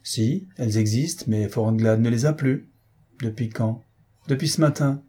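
A vindictive senior official savours his revenge in a storybook reading, as a man puts him on. He speaks coldly and evenly. The tone is mellow and somewhat husky. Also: mid-range voice, moderate pace, lightly acted. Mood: calm. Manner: cold, gloating.

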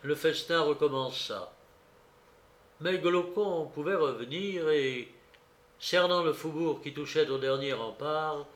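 A man reading a classic novel aloud in a slow, measured narration, lifting his voice for quoted shouts. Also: a little high, roomy sound. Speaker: audiobook reader. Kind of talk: literary narration.

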